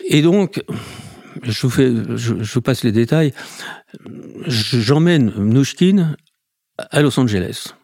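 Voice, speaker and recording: An older man, a film director guest, telling anecdotes lively in a podcast interview, acting out the people he quotes between frequent hesitations. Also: mid-range voice, slow pace, long pauses, no echo, studio quality.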